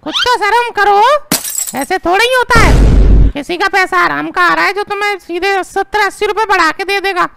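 Woman voicing a very shrill, argumentative cartoon housewife. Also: moderate pace, gravelly, noisy background. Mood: complaining. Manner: scolding, argumentative. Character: indignant, argumentative young housewife haggling over vegetables. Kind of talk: cartoon comedy dialogue.

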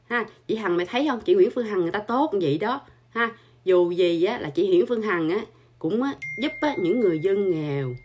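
A woman's voice: medium pitch, lively intonation, fairly quick, darkish tone, husky. A woman, hosting her channel with an angry, scolding monologue full of insults and filler particles. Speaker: channel host.

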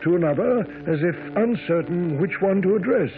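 An actor playing a mild, loyal doctor companion, speaking in a measured way in a radio mystery. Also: male voice, high voice, lively intonation, music in the background. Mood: measured narrating. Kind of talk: radio drama acting and narration. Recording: tinny old radio recording.

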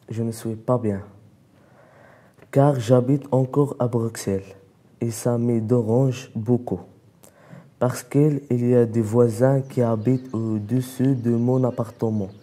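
A teenage boy from Morocco reads a personal letter aloud in a studio. He goes slowly and haltingly, restarting words as he reads. His voice is very dark and mellow. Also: mid-range voice. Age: teens. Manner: halting, stumbling reading. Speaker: student reading a letter. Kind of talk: reading aloud.

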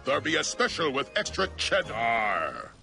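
Gruff alien soldier. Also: male voice, medium pitch, huge pitch swings, measured pace, bright, forceful tone, soft background music, heavily acted. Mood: grumbling. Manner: gruff, weary, grumbling. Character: huge gruff male alien ex-soldier, sulky. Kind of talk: cartoon voice acting.

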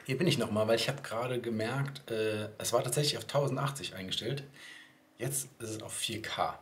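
Brisk and a little bright, this man's mid-range voice carries a casual vlog where he rambles and thinks aloud to his viewers. The recording has clearly audible ambient background noise.

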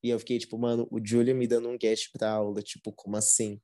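A young man from Brazil with a Brazilian accent, a dancer telling stories as a guest in a casual interview, relaxed and slangy with many fillers. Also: lowish voice, quick pace. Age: young adult. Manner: relaxed slangy talk full of fillers like "tipo" and "assim".

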